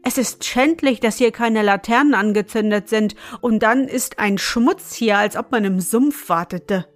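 A woman's voice: a little high, a little slow, faint music behind, close to an everyday voice. A woman voicing a fretful, bewildered older male councillor who complains plaintively in a storybook reading. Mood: indignant.

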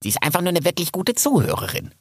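A man voicing a chatty, cheerful young male squirrel in an audiobook, talking in a lively, persuasive way. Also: high-pitched, fast talker, husky, no echo, studio quality, full character voice.

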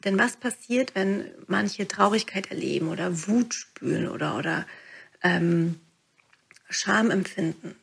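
A woman and meditation teacher talking calmly through a podcast monologue, guiding the listener and dropping to soft whispers on key phrases. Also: medium pitch, unhurried, vocal fry, husky.

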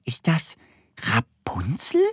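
A man voicing a curious little female duckling in a children's audio story, in a high, wondering childlike voice. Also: huge pitch swings, takes it slowly, breathy edge, dry recording, clean studio sound, exaggerated voice.

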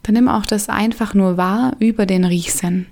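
Female meditation guide, mid-range voice, soft and soothing delivery with gentle pauses. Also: medium pitch, fairly even intonation.

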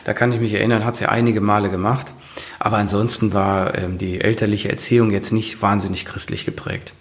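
A man's voice: fairly low pitch, level tone, a little fast. A man in his fifties, a firefighter and author, telling his story in a casual interview, earnest and rambling with many fillers and restarts.

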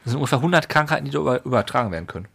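Gravelly man sharing trivia. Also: mid-range voice, lively intonation, rapid-fire, fairly bright tone, slight background noise. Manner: explains facts with playful emphasis, stumbles over words. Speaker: podcast co-host. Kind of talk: casual chat.

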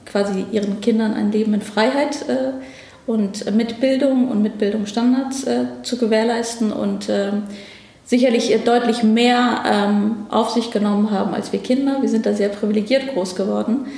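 A woman from Afghanistan who heads a division at a federal ministry answers interview questions thoughtfully in her office, hesitating frequently in a conversational exchange. Her voice is fairly high and mellow, steady in tone at normal speed, with vocal fry and a reverberant sound.

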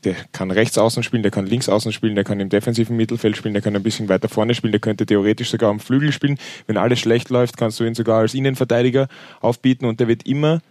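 A man argues his football points with earnest emphasis on a podcast. His voice sits fairly low. The recording is close and dry. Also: steady tone, very fast, hardly any pauses, darkish tone, dry recording. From Vienna. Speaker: podcast co-host. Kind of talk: casual sports podcast chat.

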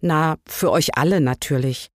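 An older woman voicing a tiny fat old king who shrinks with age, speaking slowly and thoughtfully in a lowered voice. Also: no echo, clean studio sound. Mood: musing.

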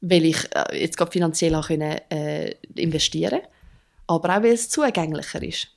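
She's a young drummer with a Swiss German accent, talking casually in an interview. Her deep, creaky voice moves a little fast, broken up by frequent laughter and restarted sentences.

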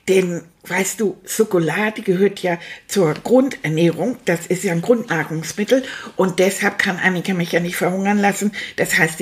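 A woman's voice: fairly low pitch, close to an everyday voice. A woman doing Manfred, a hyper plush rat. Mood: sheepish. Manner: breathless rambling storytelling, giggly and hyper. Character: chatty excitable male plush toy rat. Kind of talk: puppet storytelling for children.

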